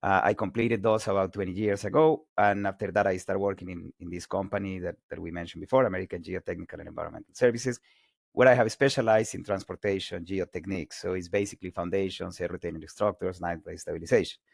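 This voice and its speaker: Colombian-born guy in his 40s lecturing online, low gravelly voice, dry sound, lots of energy. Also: fast talker, no echo. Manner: energetic, self-correcting repeats. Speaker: guest lecturer.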